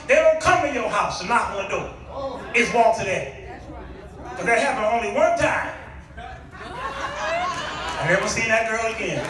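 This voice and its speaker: Preaching before a congregation, a very high-voiced American man delivers a folksy, animated storytelling sermon as a guest speaker, playing out dialogues and asking the crowd rhetorical questions. The church recording is distant and echoey.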